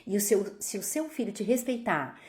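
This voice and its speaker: A pediatrician giving a talk to parents, acting out parents and children in quoted voices. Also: female voice, mid-range voice, sing-song, normal speed, a little mellow. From Brazil.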